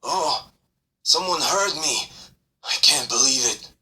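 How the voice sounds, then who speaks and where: Grim: guttural, worn-out male fae trapped under rubble, pleading in a strained high voice read by a male game narrator. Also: animated, slow, pushed and bright, far from the mic, full character voice. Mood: relieved. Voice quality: guttural, exhausted. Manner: pleading cries for help.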